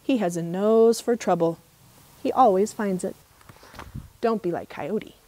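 A middle-aged woman, a park ranger, reading a trickster tale as expressive, measured storybook narration outdoors. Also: medium pitch. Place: outdoors in open desert.

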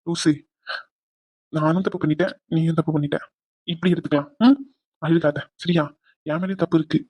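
A man voicing an apologetic young husband in a cartoon drama, talking gently and coaxing. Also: a little high, fairly even intonation, fairly quick, breathy edge, no room sound. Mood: soothing.

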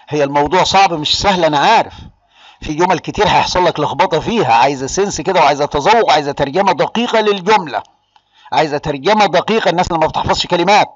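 A man with an Egyptian Arabic accent and a fairly high voice teaches an online exam-prep class. He is lively and calls on his students by name. The sound is dry and a little dull. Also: no room sound. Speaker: English teacher.

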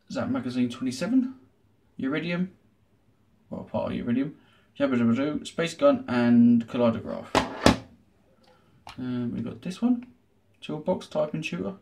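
Guy rambling through his retro haul, dry jokes, mid-pitched voice, noisy recording. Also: gravelly. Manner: chatty, rambling, dry sarcastic asides. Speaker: retro gaming video host. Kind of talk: casual show-and-tell unboxing. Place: small room at home. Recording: noticeable background noise.

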